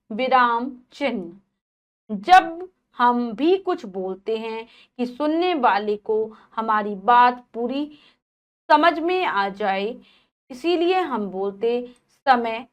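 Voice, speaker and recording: A woman teacher reading a grammar text slowly to children, then explaining it in plain, chatty words. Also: high voice, a bit bright. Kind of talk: Hindi grammar lesson for children.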